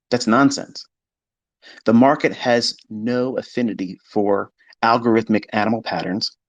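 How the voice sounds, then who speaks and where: A man lectures on trading in a loose, unscripted live-stream style, blunt and emphatic, with casual swearing. His voice sits in an ordinary middle pitch. The sound is dry and close, with no room echo. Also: highs cut off. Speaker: trading educator.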